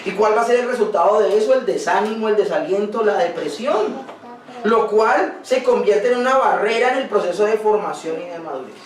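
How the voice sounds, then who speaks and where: A man's voice: high-pitched, expressive, a little fast. A male pastor preaching a sermon earnestly, now and then acting out quoted dialogue. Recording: roomy distant sound, recorded without a microphone.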